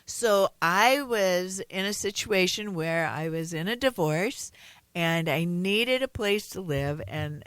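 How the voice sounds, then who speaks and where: Slow-talking, earnest woman radio host. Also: on the low side, no echo. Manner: earnest, encouraging, chatty with fillers. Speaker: radio show host, holistic healer. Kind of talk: radio talk, teaching and storytelling.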